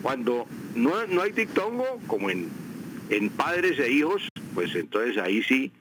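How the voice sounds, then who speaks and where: A man speaks on a radio broadcast as a language advisor. He explains grammar at a measured pace, says "eh" and "mm" often, and slowly repeats the example words. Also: mid-range voice, sing-song, noisy background. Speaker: language expert on a radio show. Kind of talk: radio language advice segment.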